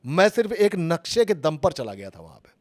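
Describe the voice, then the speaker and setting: A man's voice: fairly high pitch, sing-song, fairly quick, darkish tone. A middle-aged man, a journalist and author, telling his stories with dramatic emphasis in an interview. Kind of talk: storytelling interview talk.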